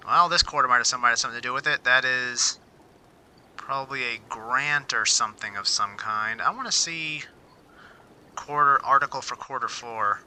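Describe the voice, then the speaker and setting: A man's voice: medium pitch, normal speed, bright, forceful tone, a little hiss or hum, low-quality recording. A man streaming casually, thinking aloud as he reads out figures and muses on them wryly, often repeating words mid-sentence. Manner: wry, self-interrupting, repeats words as he reads. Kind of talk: casual livestream commentary.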